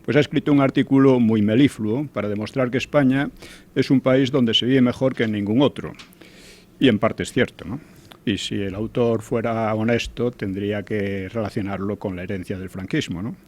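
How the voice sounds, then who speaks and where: A man's voice: on the low side, fairly even intonation, moderate pace, darkish tone. An older man giving conversational commentary as a regular guest, hesitant, with frequent restarts and tag questions.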